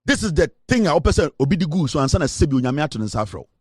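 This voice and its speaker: A Ghanaian man delivering fiery political commentary with a fairly high, lively voice that leaps up and down as he presses his points. He mixes English with Twi and keeps hammering home rhetorical questions. The sound is dry and close to the mic. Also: very fast, slightly rough, no echo. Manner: switches between English and Twi, rising to indignant rhetorical questions. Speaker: online news commentator.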